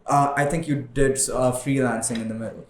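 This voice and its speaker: A man co-hosting a casual podcast with a noticeable non-native accent. He is upbeat, pauses often with fillers, and laughs easily. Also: mid-range voice, fairly even intonation, roomy sound, a little hiss or hum. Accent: non-native English accent.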